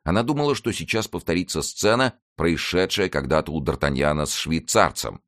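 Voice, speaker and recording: A man narrating an audiobook in an expressive, measured reading. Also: sits low, no room sound, clean studio sound. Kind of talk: scripted narration.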